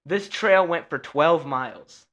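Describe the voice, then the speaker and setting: A man's voice: fairly high pitch, slow pace, fairly bright tone. A man co-hosting a casual podcast, reading research notes aloud and stumbling over names with a laugh. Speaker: podcast co-host.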